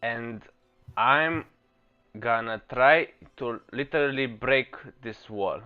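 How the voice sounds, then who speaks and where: A man's voice: medium pitch, slow pace, clean tone, narrow, tinny audio, soft background music. A man playing a tabletop game, stammering and restarting his sentences. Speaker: player. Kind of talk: casual tabletop play.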